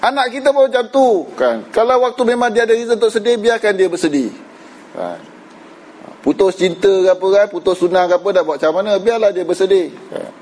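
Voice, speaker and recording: A man's voice: sits high, expressive, a little fast, a little mellow, low-quality recording. A Malaysian man giving an informal religious lecture, conversational, mixing in English words and asking "kan?" often. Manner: conversational, mixes English words, frequent "kan?" tag questions. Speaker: religious teacher.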